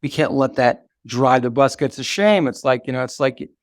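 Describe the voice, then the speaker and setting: An older man telling stories as an interview guest, halting and full of restarts. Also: mid-range voice, no echo, studio quality. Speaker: guest, activist mentor. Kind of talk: reflective storytelling in conversation.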